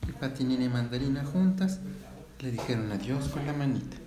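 A man telling an improvised children's story at home, switching into high voices for the little characters. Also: expressive, brisk, roomy sound, a crowd in the background. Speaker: father telling a bedtime-style story.

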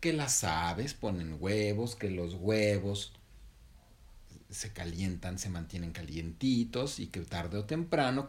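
A man gently telling an improvised bedtime story to his child, pausing to correct himself. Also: mid-range voice. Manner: gentle, unhurried, self-correcting.

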